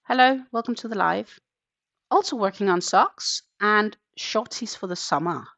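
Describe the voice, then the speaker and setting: A Danish woman in her thirties chats casually on a live crochet stream from her home in the Netherlands, counting her stitches aloud. Her mid-range voice has lively intonation, a measured pace, some creak and a fairly bright tone. The live-stream audio is dull and lo-fi.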